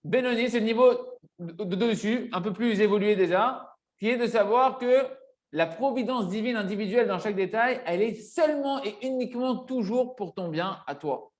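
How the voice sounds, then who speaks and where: High-voiced man teaching a religious lesson. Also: moderate pace. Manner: didactic, emphatic, repeats phrases and checks understanding.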